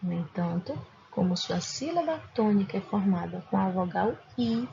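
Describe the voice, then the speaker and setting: A woman from Brazil, a Spanish teacher, giving a recorded grammar lesson with slow, careful explanations and examples. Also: mid-range voice, lively intonation, gravelly, warm tone. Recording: dull lo-fi recording with faint noise.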